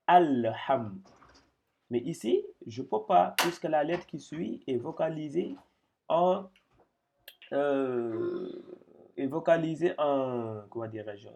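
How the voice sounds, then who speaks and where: A man's voice: medium pitch, vocal fry, dark tone. A man teaching Quran reading in an explanatory lesson, patient and hesitant, often repeating words as he points things out.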